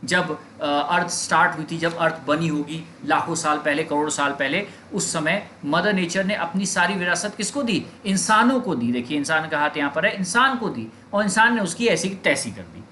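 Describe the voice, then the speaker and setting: A man's voice: a little high, expressive, pushed and bright, a little hiss or hum. A man teaching English vocabulary in Hindi, drilling each word over and over with frequent hesitations. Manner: slow, repetitive drilling of words with many fillers. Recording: echoey room with faint ambience.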